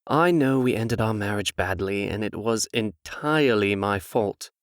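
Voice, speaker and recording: A man's voice: on the low side, expressive, unhurried, no room sound. Man acting suave, scheming Prince Charming, recorded dry. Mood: falsely contrite. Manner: smooth-talking, theatrical, falsely humble. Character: suave, vain, scheming storybook prince and ex-husband. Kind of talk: comic dub acting.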